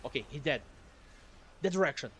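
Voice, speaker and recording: A man's voice: on the high side, expressive, fairly quick, fairly bright tone, a little hiss or hum. A man streaming from his apartment, giving casual gameplay commentary in a grumbling, sardonic manner and swearing often. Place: home apartment.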